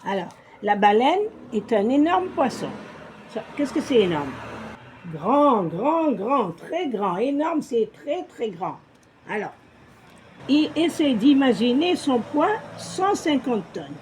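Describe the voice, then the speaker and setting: A woman teaching a child to read, patient, slow and repeating words. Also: on the high side, sing-song, a little mellow, slight background noise. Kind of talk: patient reading lesson for a child.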